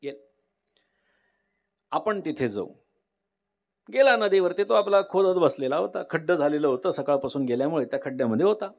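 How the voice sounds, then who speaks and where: A man preaching a devotional kirtan sermon, telling a story in a lively way and acting out the dialogue. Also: sits high. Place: live kirtan gathering.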